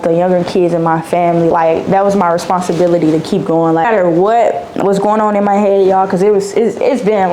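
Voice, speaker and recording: A woman's voice: fairly low pitch, noisy background. A young woman, chatting casually through a Q&A vlog in a slangy, repetitive way. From Dallas, Texas. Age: 20s. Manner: chatty, slangy, repeats herself. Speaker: vlogger.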